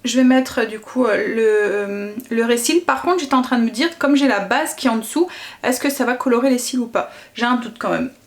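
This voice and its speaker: A woman's voice: fairly high pitch, fairly quick. A woman vlogger and mother, chatting casually through a makeup tutorial, narrating each step with little interjections and often correcting herself mid-sentence. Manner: self-correcting, trails off and restarts often.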